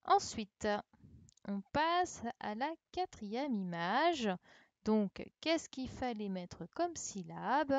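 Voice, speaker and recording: On a home livestream, a female primary teacher corrects her online class, talking extremely slowly and repeating every answer in a patient, encouraging way. She sounds fairly high and very animated, with no room sound on the computer mic.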